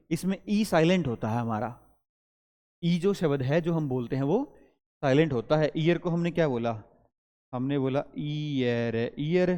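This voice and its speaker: A man's voice: on the high side, dark tone, long reverb tail. A male teacher giving a grammar lesson that mixes Hindi and English, explaining step by step and quizzing his students as he goes.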